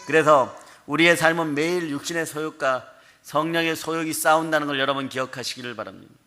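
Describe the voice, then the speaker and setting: A pastor preaching a fervent, emphatic sermon in a prayer sanctuary. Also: male voice, fairly high pitch, fairly quick, pushed and bright. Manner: fervent, emphatic preaching with repeated "amen hallelujah".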